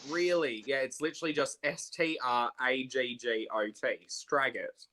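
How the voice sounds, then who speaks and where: A young man hosting a casual makeup livestream, chatty and animated, quick to laugh. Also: medium pitch.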